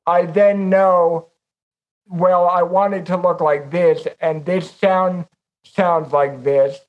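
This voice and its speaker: A man's voice: high voice, steady tone, takes it slowly, highs cut off. A man co-hosting a podcast, talking in a reflective, rambling way about how he makes music. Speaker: podcast co-host. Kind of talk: casual conversation.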